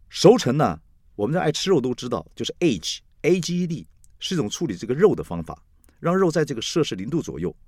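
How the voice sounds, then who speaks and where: A man, telling a comic story in a chatty, playful way with lively asides. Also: mid-range voice, dry recording, clean studio sound. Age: 60s. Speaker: storyteller host.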